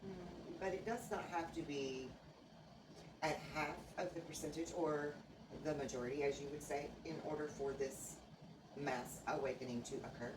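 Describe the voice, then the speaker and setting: A woman speaks as a trance medium in a remarkably deep voice. Her phrasing is formal and oracular, broken by halting pauses. She sounds distant in an echoey room. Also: fairly even intonation. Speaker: trance channeler, seance medium. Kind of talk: seance medium channeling, answering questions in trance. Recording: noisy, echoey room, far from microphone.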